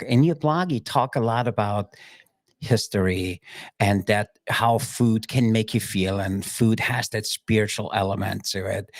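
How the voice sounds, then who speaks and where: A man's voice: fairly low pitch, dry recording, studio quality. A man hosting a podcast interview, asking rambling questions with restarts. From Austria. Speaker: podcast host. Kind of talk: casual interview.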